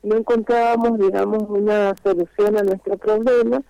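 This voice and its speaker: A woman representing vendors calls a radio interview on speakerphone and explains at length in an earnest way, with many pauses. Her medium-pitched voice is gravelly and warm, with little pitch movement, in a dry recording.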